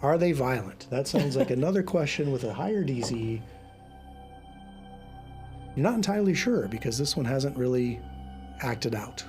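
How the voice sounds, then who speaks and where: A man with a medium-pitched voice acts as game master. He narrates a tabletop game in a casual, halting way, with music clearly playing behind him. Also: animated. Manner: informal, halting.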